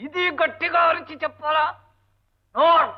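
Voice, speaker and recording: An actor playing a grumbling, henpecked husband and lecturer who mutters sarcastic insults and shouts for silence. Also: male voice, extremely high pitch, steady tone, normal speed. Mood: exasperated. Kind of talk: 1980s film comedy dialogue. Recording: dull lo-fi old film soundtrack.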